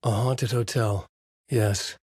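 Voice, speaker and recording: This tormented, desperate horror novelist from a video game has a low, husky, slightly mellow voice, recorded dry and close with no echo. He speaks slowly in a steady tone, offering grave, literary noir fragments that feel haunted and uneasy.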